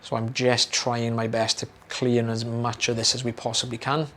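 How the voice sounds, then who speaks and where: With slight background noise behind him, a young British man who's an audiologist explains a procedure to camera at a moderate pace. His medium-pitched voice is slightly hoarse, as though he's losing it, and his delivery is easygoing and chatty, full of fillers and repetitions.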